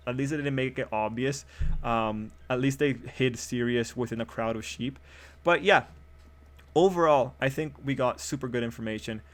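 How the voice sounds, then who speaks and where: A man giving a casual, upbeat episode review, rambling with fillers and restarts, his voice a little hoarse as he is losing it. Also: mid-range voice, moderate pace. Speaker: anime reviewer.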